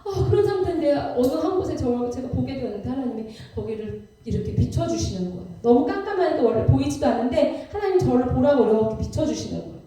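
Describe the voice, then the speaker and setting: A woman's voice: high-pitched, animated, quick pace, hardly any pauses, dark tone, far from the mic. A woman missionary giving a sermon testimony, telling her story vividly and dramatically in a church. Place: church sanctuary. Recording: echoey church hall from afar.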